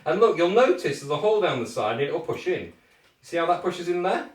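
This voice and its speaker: Kids' party magician, British, mid-pitched, talking children through a task with encouraging patter; roomy, off-mic sound. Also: very animated, fairly quick. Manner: checks often with short questions to the group. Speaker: children's party magician leading a craft activity. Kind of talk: hands-on step-by-step instruction to children. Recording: echoey room, distant microphone.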